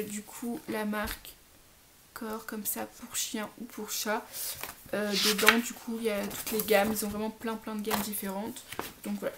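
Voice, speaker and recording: A woman's voice: medium pitch, fairly bright tone, slight background noise. A young woman casually talking about her pet products in a haul vlog, chatty and full of fillers. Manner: chatty, lots of fillers and restarts. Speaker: pet vlogger.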